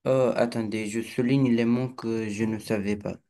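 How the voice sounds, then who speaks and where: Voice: mid-range voice, steady tone, normal speed, warm tone. A language student answering a tutor in short, hesitant replies with many fillers. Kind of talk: one-to-one lesson, answering a tutor.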